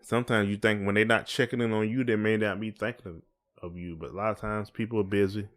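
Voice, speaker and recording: On his podcast, a middle-aged American man chats casually in a fairly low, fairly bright voice, talking quickly with fairly even intonation. His style is colloquial, reflective and conversational.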